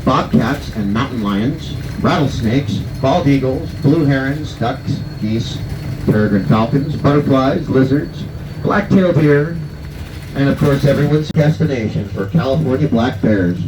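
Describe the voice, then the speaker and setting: A man's voice: mid-range voice, lively intonation, a little slow. A man driving a tour bus and giving rehearsed sightseeing commentary to passengers. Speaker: tour bus driver and guide. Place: tour bus on a hill road. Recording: echoey, distant, muffled, noisy vehicle sound.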